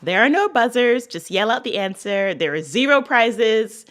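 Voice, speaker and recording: A woman's voice: a little high, very animated, normal speed, fairly bright tone. A woman from Barbados hosting a radio podcast, asking questions conversationally and reading upbeat scripted intros. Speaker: guest host.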